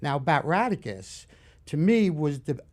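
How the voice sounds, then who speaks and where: A man in his fifties with a Bronx New York accent, a horror film director chatting through stories in an interview, animated and full of restarts. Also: on the high side, measured pace. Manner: storytelling, animated, restarts often. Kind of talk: casual interview chat.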